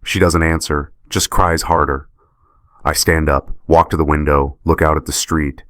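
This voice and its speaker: A man's voice: rumbling low, level tone, normal speed, a bit bright, no echo, clean studio sound. A man narrating a first-person story, tired and bitter, confronting his partner.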